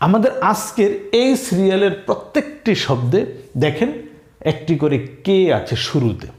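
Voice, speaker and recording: A man with a Bangladeshi accent teaching English, slowly spelling words letter by letter and quizzing his viewers. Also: high voice, sing-song. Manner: slow, repetitive teaching, spells words letter by letter and asks questions. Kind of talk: spoken language lesson. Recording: echoey room.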